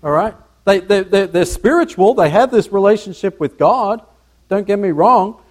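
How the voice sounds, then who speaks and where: A man preaching a conversational sermon to a congregation, working through slides, often halting and repeating words and putting questions to his listeners. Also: high-pitched, expressive. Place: church.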